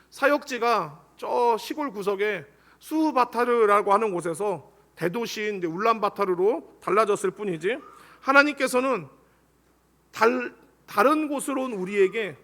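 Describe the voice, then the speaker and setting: A man's voice: sits high, fairly bright tone. A man preaching a Sunday sermon in a church, earnestly leading the congregation in reading scripture aloud. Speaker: pastor. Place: church sanctuary.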